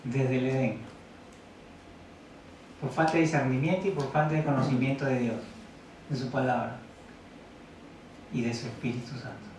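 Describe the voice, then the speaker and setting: A man's voice: mid-range voice, fairly even intonation, normal speed, pauses often, darkish tone, a little hiss or hum. A man preaching a sermon in a church hall. He reads Bible verses aloud and keeps asking the congregation questions. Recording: very echoey room, mic at a distance.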